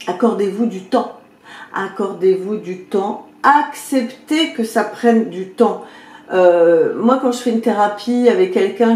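A woman's voice: medium pitch, roomy sound. A woman personal development coach giving chatty spoken advice, talking straight to her viewers and acting out little anecdotes. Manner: chatty, addresses viewers directly with frequent checks; acts out quoted exchanges in lively voices.

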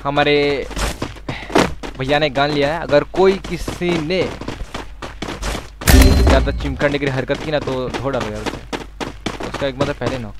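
A man from India giving casual gameplay commentary as a streamer, excitable, swinging from loud pleading to muttered threats. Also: mid-range voice, measured pace, pauses often, heavy background noise. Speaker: mobile game streamer. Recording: loud game gunfire behind the voice. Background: game gunfire and shots.

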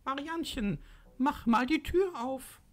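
A woman playing a cheerful, cheeky young boy in a children's puppet play, speaking simply and deliberately. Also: sits high, lively intonation, soft background music. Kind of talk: children's puppet theatre dialogue.

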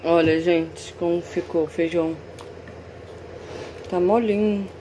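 A young woman with a Brazilian accent speaks slowly and steadily in a lowish voice. She chats casually with viewers while narrating a home cooking vlog in her small tiled kitchen, and the recording is noisy and hissy.

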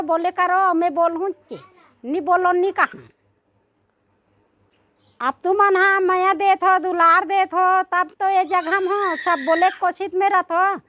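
A woman's voice: very high voice, bright, forceful tone, dry recording. A woman with a Chhattisgarhi accent chatting casually and affectionately to her followers, often repeating herself. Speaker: vlogger.

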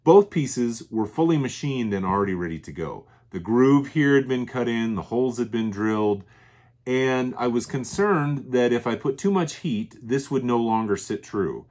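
A man's voice: medium pitch, expressive, moderate pace, darkish tone. A man hosting his own workshop channel, walking through machined parts in a plain, methodical way and often restating his points. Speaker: channel host. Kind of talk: workshop show-and-tell. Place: workshop bench.

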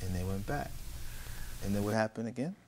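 A man's voice: fairly low pitch, a little fast, a little mellow, slight background noise. A man with an American accent telling a moral story to children as their teacher. He keeps asking questions and waiting for the children to answer. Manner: questioning, call-and-response with children.

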